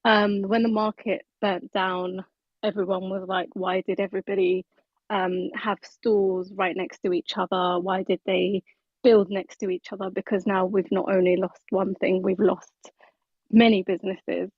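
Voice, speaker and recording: Woman from Somaliland, husky voice, frequent ums, tinny phone-like audio. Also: mid-range voice, measured pace, no echo. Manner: steady, with frequent "um". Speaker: guest speaker. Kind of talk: casual group discussion. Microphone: video call.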